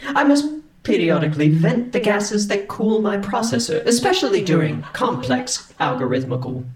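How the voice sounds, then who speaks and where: A man doing a too-smooth android butler. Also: sits high, big pitch swings, moderate pace. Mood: prim. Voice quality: formal, precise, unflappable delivery. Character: prim, dutiful male android butler. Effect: none; too smooth, polished android manner. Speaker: robot valet. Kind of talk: comedic audio drama. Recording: roomy echo, loud crowd noise behind.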